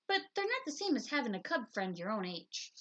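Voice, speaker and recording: A woman voicing a caring, gently concerned mother bear in a children's storybook. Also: on the high side, very animated, a little fast, full character voice. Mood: thoughtful.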